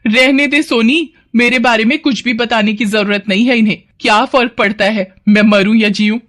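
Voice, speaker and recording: A woman's voice: fairly high pitch, steady tone, moderate pace, a bit bright, voice pushed up, lightly acted. A woman voicing a weary, fed-up village wife in a cartoon, complaining and pleading. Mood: bitter. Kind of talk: cartoon voice acting.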